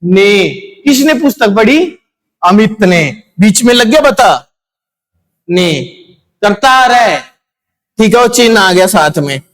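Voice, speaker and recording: Man, grammar teacher, high-pitched voice, slow pace, asks and answers his own questions, repeats key words. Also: expressive, a bit bright. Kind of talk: classroom grammar lesson.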